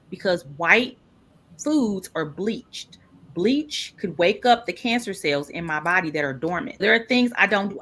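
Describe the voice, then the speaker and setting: This woman's voice is medium-pitched and a bit bright as she speaks openly and animatedly, as a guest in a casual interview, about something she went through herself.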